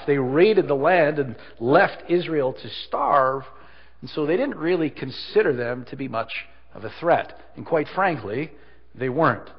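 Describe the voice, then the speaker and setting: Man, pastor, sermon, big hall echo, slightly muffled sound. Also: fairly high pitch. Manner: earnest preaching with strong stresses and drops.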